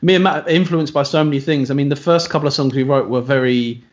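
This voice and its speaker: A man's voice: medium pitch, quick pace, muffled recording. A man, a band member chatting loosely in an interview, often restarting his sentences. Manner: rambling, self-correcting. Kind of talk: casual video call interview.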